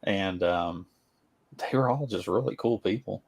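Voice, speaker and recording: A man's voice: sits low, a little slow, creaky. A man co-hosting a livestream, chatting casually in a laid-back, plain-spoken way. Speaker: livestream co-host. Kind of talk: casual chat.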